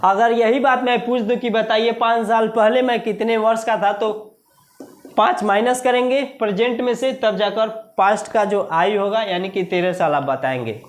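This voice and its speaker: In an exam-prep video lesson, a man with an Indian accent teaches maths, slowly repeating key words and asking the class questions. His voice is high-pitched and steady in tone.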